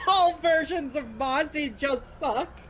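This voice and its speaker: A woman with a fairly high voice chats casually as a co-commentator on a game stream. She talks at an unhurried pace and has a joking manner. Noise is audible behind her. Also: expressive, rough recording. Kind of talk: casual chat. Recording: clear background noise.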